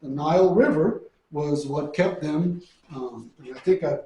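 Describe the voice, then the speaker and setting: A man's voice: on the high side, unhurried, warm tone. A middle-aged man from New Mexico teaching a Bible lesson in a folksy, storytelling way, asking and answering his own questions. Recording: echoey room, far from mic.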